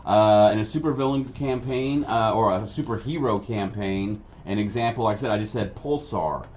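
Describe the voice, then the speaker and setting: A man's voice: fairly low pitch, normal speed, darkish tone, a little hiss or hum. A man chatting casually as host, rambling and storytelling about running tabletop games. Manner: rambling, many restarts, storytelling. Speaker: game master and crafting host. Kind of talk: casual chat. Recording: dull lo-fi sound, faint ambience.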